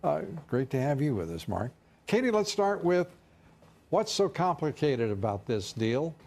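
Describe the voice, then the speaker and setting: An older male TV news host who leads a panel and pauses often with fillers. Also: fairly high pitch, very animated, darkish tone. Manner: hesitant with many fillers. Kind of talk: cable news anchor segment.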